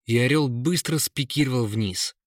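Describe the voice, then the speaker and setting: In clean studio sound with no echo, a man reads a children's fairy tale audiobook. His mid-range voice moves at a moderate pace and tells the story expressively.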